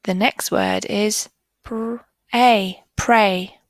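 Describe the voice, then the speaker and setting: Slow, careful woman phonics teacher. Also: medium pitch, steady tone, dry recording, low-quality recording. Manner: slow, clearly sounding out letters and words. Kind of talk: primary school phonics lesson.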